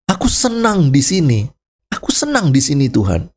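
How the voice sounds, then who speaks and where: Man doing a high whiny guy who doesn't wanna come back to earth, pleading and complaining. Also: wildly swooping pitch, moderate pace, darkish tone, breathy edge, exaggerated voice. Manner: whining, pleading.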